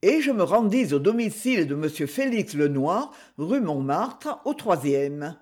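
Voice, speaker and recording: Audiobook narrator, first-person novel, wry, unhurried, animated pitch, breathy tone.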